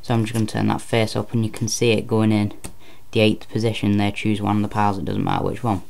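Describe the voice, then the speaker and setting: A man's voice: fairly low pitch, flat delivery, quick pace, creaky, darkish tone. A man giving informal card magician patter, explaining step by step and repeating phrases as he goes. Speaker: card trick presenter.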